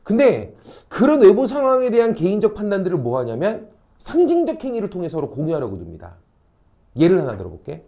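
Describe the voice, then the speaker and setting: A male academy teacher lecturing high school students, animated and constantly checking in with questions. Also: a little fast, creaky. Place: classroom.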